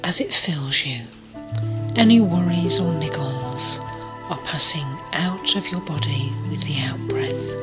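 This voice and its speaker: A woman guides a relaxation meditation, her voice soft and unhurried and often sinking to a breathy half-whisper. She speaks at a very slow, gentle pace in a fairly low register. Calm music plays clearly underneath her. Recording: clear music bed behind the voice.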